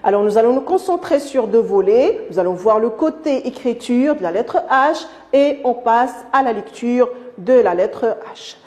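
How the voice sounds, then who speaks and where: Her voice is high-leaning, animated and mellow: a primary school teacher recording a lesson for young pupils. She addresses them tenderly, speaking slowly and patiently while repeating and restarting words.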